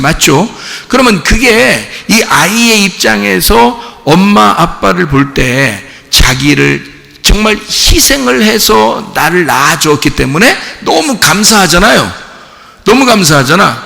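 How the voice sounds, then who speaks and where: A man preaching a sermon as pastor, animated and full of rhetorical questions to the congregation, acting out quoted voices. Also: high-pitched, creaky, in a large hall. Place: church sanctuary.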